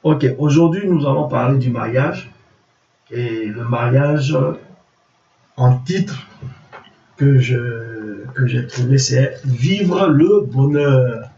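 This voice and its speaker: Ivorian guy, french is his first language, preacher teaching gently paced, soft dark voice, roomy dull audio w some noise. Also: medium pitch, slow. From Ivory Coast. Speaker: guest preacher, apostle. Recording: muffled, noisy, roomy, distant microphone.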